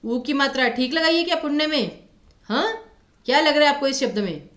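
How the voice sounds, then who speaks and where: A woman with a Himachali Hindi accent teaches an exam-prep grammar class in a fairly high voice. She quizzes her students and draws out letters slowly. The room around her is echoey. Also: expressive, fairly bright tone. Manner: asks students questions, sounds out letters slowly.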